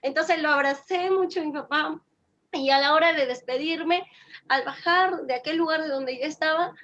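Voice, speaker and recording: A woman's voice: high-pitched, normal speed, a bit bright, muffled recording. A woman with a Peruvian accent giving an earnest religious personal testimony, repeating phrases for emphasis. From Peru.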